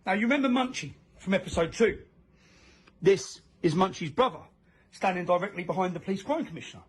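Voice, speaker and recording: A man's voice: sits high, expressive, a little fast, slightly rough. A man giving emphatic, accusing commentary over photos.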